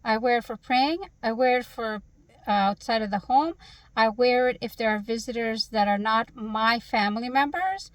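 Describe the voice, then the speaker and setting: A Canadian woman vlogger answers viewer questions straight to camera in a fairly high voice at normal speed. She's earnest and emphatic, often posing rhetorical questions, and the audio is poor but free of echo.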